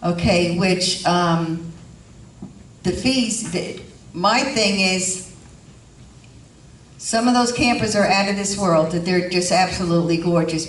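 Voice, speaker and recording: A woman giving halting, explanatory informal remarks at a community board meeting. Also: lowish voice. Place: indoor meeting room, far from mic. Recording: distant, echoey room with faint noise.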